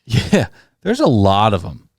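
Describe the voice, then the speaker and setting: A man's voice: fairly low pitch, wildly swooping pitch, unhurried, vocal fry, slightly rough, no room sound, studio quality. A man co-hosting a podcast, teasing and sarcastic in casual banter. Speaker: podcast co-host.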